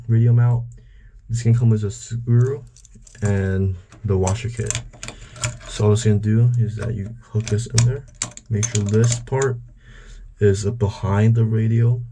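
Hosting a DIY boat how-to video, a man narrates casually and plainly, step by step, as he works with his hands. His voice is lowish, steady and mellow, moving a little slowly. There's clear noise in this on-location recording.

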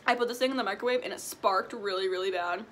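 This is a casual mukbang Q&A: a twenty-year-old woman from Illinois, a vlogger, chats and eats while responding to viewers from a small room in her home. She talks fast in a mid-range voice, using "like" and "um" frequently, and a little hiss or hum is audible.

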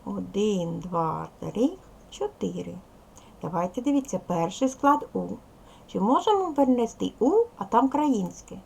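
A woman with a gravelly, darkish, mid-range voice teaches second graders in a recorded video, her delivery sing-song and measured. She patiently counts aloud step by step and addresses the children as little ones; the audio is slightly rough.

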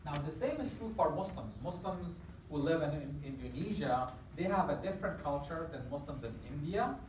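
An animated, brisk middle-aged man from Afghanistan, voice a little high and slightly mellow, delivers a guest lecture and asks the audience questions along the way. Captured from the back of a large lecture hall by a distant camera, the audio is echoey with a faint hiss or hum.

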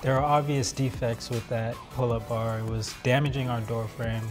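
A man in his thirties, a mechanical engineer and product inventor, talks casually and enthusiastically in a promotional interview about his product. His mid-range voice keeps a steady tone at normal speed. He's indoors in a large open office with music playing in the background.

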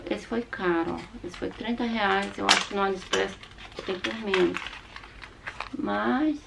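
A middle-aged Brazilian woman talks casually to her camera as she shows off things she bought. Her voice is throaty and slightly hoarse from a sore throat, with a gravelly creak. There is faint noise in the recording. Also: mid-range voice. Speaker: vlogger. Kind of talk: casual chat showing purchases to camera. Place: small room at home, indoors.

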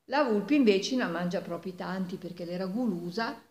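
An echoey home recording of an elderly woman with a Milanese accent telling a folk tale. Her pitch sits in the middle for a woman, and she tells the story in an animated way, as an oral storyteller. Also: normal speed. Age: 70s. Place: living room at home, indoors. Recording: echoey room, distant microphone.

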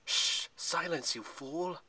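A man's voice: medium pitch, expressive, normal speed, pushed and bright. A man voicing a stern young huntress who speaks in formal, old-fashioned phrases. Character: young woman huntress, stern, archaic speech.

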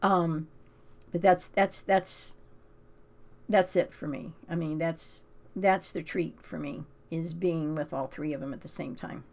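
A woman's voice: low-pitched, steady tone, unhurried, creaky, darkish tone. An older woman hosting a casual talk show, chatting with many ums and restarts and reading scripture aloud. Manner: rambling, frequent ums and restarts; emotional, close to tears. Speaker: host.

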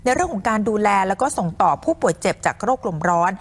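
ผู้หญิงรายงานข่าวตามบทด้วยน้ำเสียงผู้ประกาศที่สุภาพและเป็นทางการ. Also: female voice, medium pitch, sing-song, fast, breathy edge. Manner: formal, polite announcer delivery. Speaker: news presenter. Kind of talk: scripted news narration.

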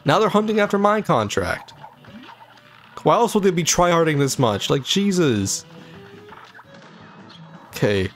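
A man's voice: on the high side, big pitch swings, a little slow, pauses often, fairly bright tone, soft background music. A young man hosting a let's-play channel, swearing constantly and rambling jokes at a game boss as he plays into a desk microphone. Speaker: gaming channel host. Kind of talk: profane let's-play commentary.

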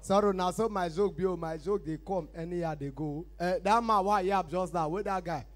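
A man with a Nigerian Pidgin accent doing a loud, chatty stand-up set on a live stage, calling out to the crowd as he tells his stories. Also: sits high, normal speed. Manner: loud, chatty storytelling with crowd call-outs. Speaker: stand-up comedian.

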